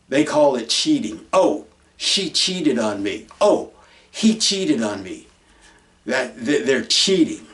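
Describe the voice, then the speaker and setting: A man preaching in a slow, deliberate way, leaning hard on each point and answering his own rhetorical questions. His voice sounds a little distant from the microphone. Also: mid-range voice. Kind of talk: folksy sermon on the commandments.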